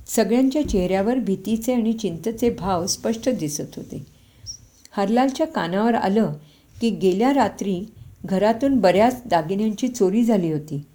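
A woman reading a short story aloud as a storyteller, in steady narration with the characters' lines spoken in quotes. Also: medium pitch.

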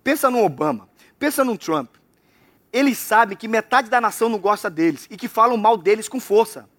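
A man from Brazil preaching a lively sermon, acting out the voices in the story. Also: high-pitched, brisk. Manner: animated, acts out characters in quotes. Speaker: pastor. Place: church abroad.

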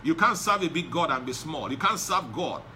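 A man's voice: on the high side, lively intonation, normal speed, pushed and bright, slight background noise. A male pastor preaching a sermon, driving points home with emphatic repetition.

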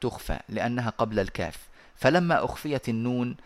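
Male recitation teacher on a voice call, mid-pitched voice, halting explanations with pauses, chants quoted verses. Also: animated. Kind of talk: online lesson explanation. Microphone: online voice call.

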